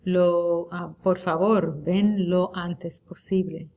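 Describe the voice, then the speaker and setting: A woman teaching Spanish at an unhurried, careful pace, with a somewhat low voice. She stretches out her example words so her students can follow each one. It sounds like a recorded review lecture. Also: steady tone, a little mellow, muffled recording. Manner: slow and deliberate, drawing out example words.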